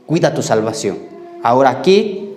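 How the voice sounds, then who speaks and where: A man's voice: mid-range voice, big pitch swings, moderate pace, a little mellow, faint music behind. A man preaching a sermon as pastor, telling stories and asking his congregation questions. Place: church. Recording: echoey church hall.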